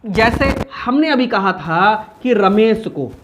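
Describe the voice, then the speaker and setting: A man's voice: high-pitched, slow. A man teaching commerce in an informal recorded lesson, asking questions and answering them himself. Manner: animated, asks and answers his own questions.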